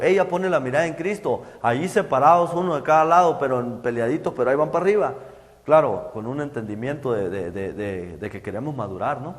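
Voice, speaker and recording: Halting preacher in echoey hall. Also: male voice, fairly high pitch. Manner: halting, repeats words while preaching. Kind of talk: sermon. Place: church hall.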